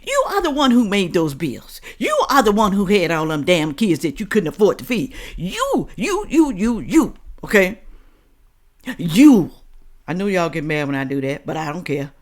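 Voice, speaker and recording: Hosting a reaction commentary show, an American woman speaks directly to viewers with blunt, opinionated, confrontational remarks packed with rhetorical questions. Her voice sits fairly low and has a sing-song, slightly mellow quality, and she talks at a moderate pace.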